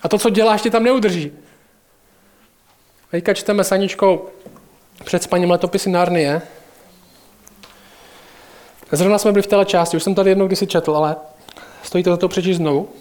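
A man's voice: high-pitched, fairly even intonation, long pauses, darkish tone. A man preaching a sermon in a conversational way, addressing listeners directly.

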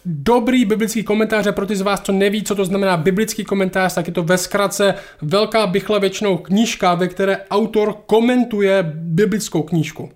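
Man, somewhat high voice, earnest and explanatory; reads scripture and answers listener questions. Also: steady tone. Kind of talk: Bible reading and explanation.

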